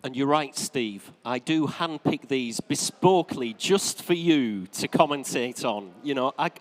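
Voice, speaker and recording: A man's voice: mid-range voice, a little slow. British male auctioneer in a reverberant hall. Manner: formal patter with repeated figures and bantering asides. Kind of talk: live auction calling, calling out bids. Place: large auction saleroom. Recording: long reverberant hall sound.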